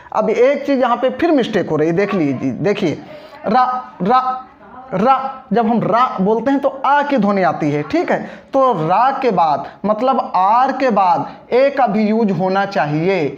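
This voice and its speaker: A patient teacher talks through a spelling lesson at an unhurried pace. Each word is split into pieces and rebuilt, with frequent check-up questions to the class. The recording sounds dull and muffled. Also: medium pitch. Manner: patient, breaks words into syllables, asks check-up questions. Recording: dull lo-fi audio.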